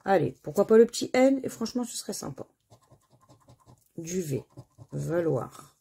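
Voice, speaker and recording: A woman's voice: on the low side, very animated, moderate pace, gravelly, mellow, husky. A woman with a French accent chatting to viewers while she scratches crossword lottery tickets and reads out letters and words.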